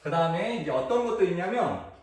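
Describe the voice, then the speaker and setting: A man's voice: sits high, big pitch swings, brisk, a little mellow. A man casually explaining and acting out the steps of a traditional game, with frequent exclamations as he moves. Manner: chatty step-by-step instructions, frequent exclamations while moving. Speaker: host demonstrating a traditional Korean game. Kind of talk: unedited casual demonstration. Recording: echoey, distant camera audio with faint noise.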